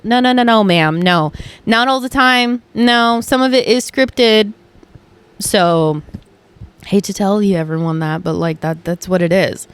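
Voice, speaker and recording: A woman's voice: on the high side, clean tone. A woman hosting a podcast from her couch at home, talking in a casual, emphatic way, with lots of "like" and some swearing. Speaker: podcast host.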